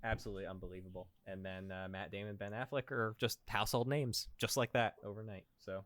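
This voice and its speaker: A man hosting a casual movie podcast, rambling and laughing often, trailing off quietly. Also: fairly low pitch, fairly even intonation, fast talker, dry recording. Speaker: podcast host. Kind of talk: casual chat.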